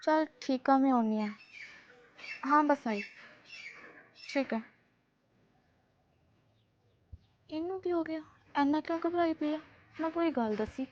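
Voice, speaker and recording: A young woman playing a caring college student who calms her friend and coaxes an elder politely. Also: high voice, normal speed, pauses often, highs cut off, slight background noise, natural voice. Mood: puzzled. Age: young adult. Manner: soothing, coaxing. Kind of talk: film acting.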